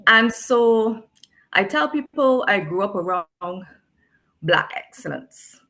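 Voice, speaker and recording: A woman's voice: mid-range voice, animated, slow, a bit bright. A woman from Barbados, a special education teacher speaking thoughtfully as a guest, often repeating words as she searches for them. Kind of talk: reflective discussion.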